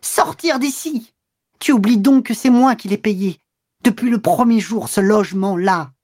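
Scorned woman in a classic novel audiobook, high, husky and accusing; male narrator doubling. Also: normal speed, darkish tone, no echo, clean studio sound. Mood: furious. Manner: accusing, bitter, rising to screams. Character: furious jilted woman, mistress, shrill in rage. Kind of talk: audiobook reading.

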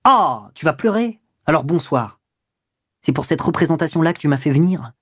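A man's voice: fairly high pitch, brisk, darkish tone, husky, no room sound, studio quality. A man voicing a brusque, cynical young lover who answers coldly and harshly in an audiobook. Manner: brusque, sneering.

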